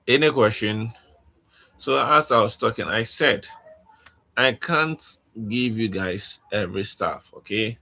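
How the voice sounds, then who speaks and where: A man teaching a casual online language lesson, speaking haltingly and often checking in with "okay?". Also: lowish voice, vocal fry, sharp tone.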